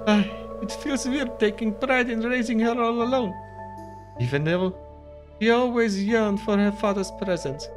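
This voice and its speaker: A man's voice: high-pitched, voice pushed up. A man voicing an emotional, middle-aged single-mother ship captain who drops Spanish exclamations and "aye" as she gushes, with game music behind. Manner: sentimental, gushing.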